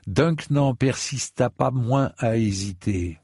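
A man reading a story aloud as an audiobook narrator, measured and deliberate, close to a studio mic. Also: mid-range voice, a little mellow, no echo. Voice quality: gravelly. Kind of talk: scripted narration.

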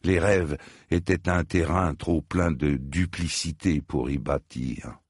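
A man reading a fantasy novel aloud in measured, grave storybook narration. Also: a bass voice, fairly even intonation, slightly rough, no echo, clean studio sound. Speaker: audiobook narrator.

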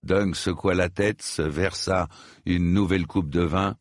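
A man reading a fantasy novel aloud in measured, grave storybook narration. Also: deep voice, fairly even intonation, dry recording, studio quality. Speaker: audiobook narrator.

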